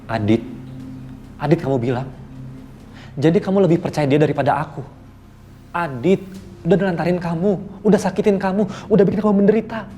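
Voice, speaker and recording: [name] is a young man doing a troubled, evasive boyfriend from a TV soap who pleads and snaps in quick, rushed speech. His voice has a warm, mellow tone. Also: a little high, faint music behind, lightly acted. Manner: pleading and irritable. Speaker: actor in a TV soap. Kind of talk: TV soap acting.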